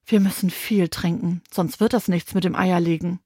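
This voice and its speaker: A woman's voice: on the low side, fairly even intonation, moderate pace, darkish tone, slightly rough, no echo, clean studio sound. Hilde, a woman voicing a proud chatty hen. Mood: explaining. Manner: matter-of-fact, explaining.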